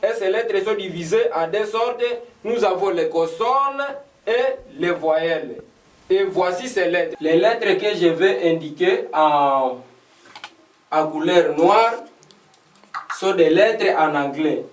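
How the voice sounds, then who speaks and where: Male teacher from DR Congo, beginner English class, high-pitched, roomy distant recording. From Democratic Republic of the Congo. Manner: slow, repetitive, spelling out each word. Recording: echoey room, voice from a distance.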